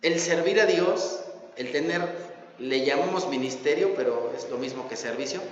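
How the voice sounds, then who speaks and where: High-voiced Mexican pastor in echoey hall. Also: male voice, normal speed, slight background noise. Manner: emphatic, repeats key phrases, rhetorical questions. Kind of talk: sermon. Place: church hall. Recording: echoey church hall, dull lo-fi sound.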